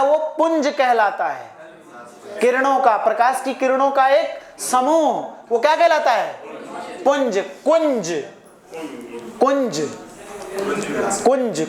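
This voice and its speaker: Slow, repetitive male teacher in echoey classroom. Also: very high voice. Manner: repeats each word several times, keeps asking "है ना". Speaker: Hindi grammar teacher. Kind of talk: classroom lecture. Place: echoey classroom full of students. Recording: echoey classroom with student chatter.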